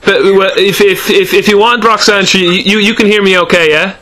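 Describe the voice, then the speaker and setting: A man hosting a podcast interview over a tinny, low-quality call connection, hesitating and restarting as he asks his questions. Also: fairly even intonation, normal speed, background noise. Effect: tinny low-quality call audio. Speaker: podcast host interviewing guests. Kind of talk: remote interview.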